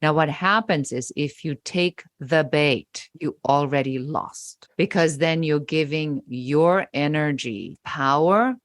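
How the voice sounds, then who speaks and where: A German business coach, a native German speaker, appears as a podcast guest in an interview conversation, speaking slowly with hardly any pauses. Her voice is low, emphatic and animated as she acts out quoted remarks, captured in a dry, clean studio recording.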